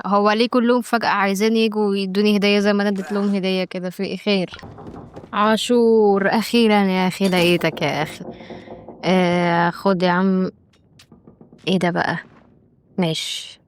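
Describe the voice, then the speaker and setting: A woman with an Egyptian accent giving casual let's-play commentary, chatty and exclaiming, bantering with game characters. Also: medium pitch. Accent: Egyptian Arabic. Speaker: gaming YouTuber.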